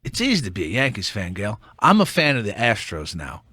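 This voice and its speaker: A man's voice: on the low side, huge pitch swings, brisk, pushed and bright, breathy edge, dry recording, clean studio sound. A man in his thirties, a radio show regular, chatting casually in a blunt, swearing manner. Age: 30s. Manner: blunt, profane. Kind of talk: casual chat.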